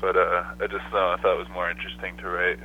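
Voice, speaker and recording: Deep-voiced guy on the phone, easygoing, lots of ums and likes, dull muffled line. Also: fast, slight background noise. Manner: relaxed, loose, with many fillers. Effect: over the phone. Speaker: songwriter guest. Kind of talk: casual phone interview.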